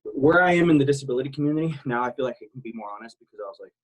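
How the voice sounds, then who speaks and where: A man's voice: mid-range voice, lively intonation, rapid-fire, breathy edge, rough recording. A man from South Texas talking casually as a podcast guest, candid and rambling, swearing freely. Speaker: guest, military veteran.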